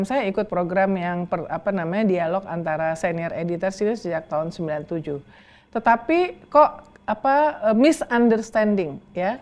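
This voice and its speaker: Middle-aged woman interviewing, medium pitch. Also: a little mellow. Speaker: interviewer, journalist. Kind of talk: casual interview with some English words.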